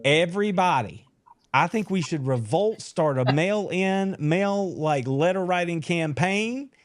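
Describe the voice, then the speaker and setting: A man hosts a live sports podcast. His talk is folksy and full of teasing banter. His voice sits a bit high and swings widely in pitch. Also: lively intonation, unhurried. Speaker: podcast host. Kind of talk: casual live-stream sports chat.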